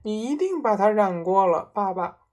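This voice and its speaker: A woman voicing an excitable young son who blurts out exclamations. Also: mid-range voice, normal speed, pitched above the performer's own voice, close to an everyday voice. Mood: exclaiming.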